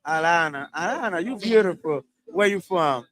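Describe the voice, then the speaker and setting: High-pitched man hosting a casual live stream. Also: lively intonation, moderate pace, fairly bright tone. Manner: repeats phrases, switches into Spanish. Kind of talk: casual live chat with shout-outs. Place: outdoors in a beachside parking lot.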